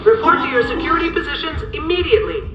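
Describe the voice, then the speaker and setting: A woman playing a base security announcer, giving formal, clipped alarm warnings over a public address loudspeaker in a video game. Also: high-pitched, rapid-fire, dull audio. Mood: stern. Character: female base security announcer, stern and official. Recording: echoey distant loudspeaker over loud music.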